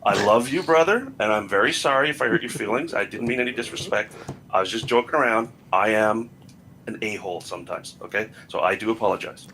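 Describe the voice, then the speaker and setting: Bright-voiced stammering male guest. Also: fairly low pitch, brisk, a little hiss or hum. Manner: stammering, repeats words at starts. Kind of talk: casual chat.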